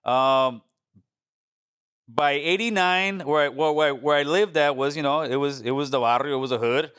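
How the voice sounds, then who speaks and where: A man in his forties, born in Honduras, tells stories on a podcast in loose street slang. His voice sits a little high and sounds close and dry, with no room echo. He goes lively whenever he acts out what other people said. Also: normal speed, clear, resonant tone. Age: 40s. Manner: laid-back street talk, animated when quoting people. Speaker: podcast guest. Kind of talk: casual storytelling interview.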